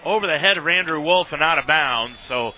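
A brisk American play-by-play man with a voice on the high side and lively intonation hosts a football radio broadcast in sportscaster fashion. The recording has a slightly dull radio quality.

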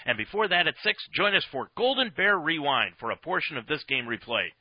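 A man's voice: a little high, very animated, fairly quick, no room sound. An American man hosting a football radio broadcast in a sportscaster's commentary style. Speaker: sports play-by-play host. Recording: slightly dull radio broadcast sound.

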